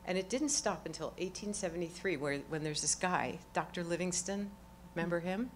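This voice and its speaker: Honoree, middle-aged woman, lower register, exuberant and salty, live event with faint hiss. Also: a little fast. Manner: exuberant, swings from quiet to loud exclamations, laughs often. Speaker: award honoree speaking onstage. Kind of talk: lively onstage conversation with profanity.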